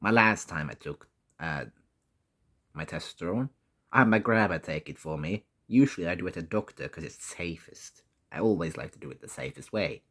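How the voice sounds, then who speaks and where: A man talking casually and candidly in a personal vlog, halting often and swearing mildly. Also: low voice, animated, fairly bright tone. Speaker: vlogger.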